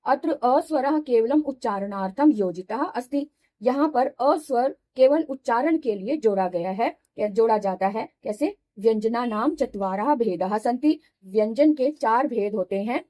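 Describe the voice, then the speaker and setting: A woman teaching a beginners' Sanskrit lesson, patiently explaining and repeating each sound in slow drills. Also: on the high side, dark tone. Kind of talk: classroom lesson explaining grammar.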